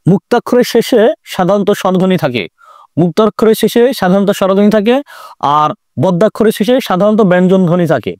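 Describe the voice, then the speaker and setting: High-voiced man teaching grammar. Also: darkish tone, no echo, studio quality. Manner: repetitive, explanatory, drawn-out emphasis. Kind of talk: online grammar lesson.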